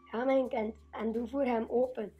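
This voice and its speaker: A woman's voice: fairly high pitch, fairly even intonation, normal speed, breathy edge, lo-fi sound. A woman voicing a stern old king who lectures his daughter firmly. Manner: firm, lecturing.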